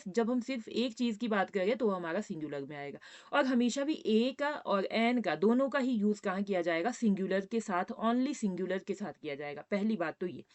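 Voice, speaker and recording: A woman's voice: medium pitch, a little mellow. A woman teaching a grammar lesson, patiently repeating points and checking in with her students. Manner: addresses students as "बेटा".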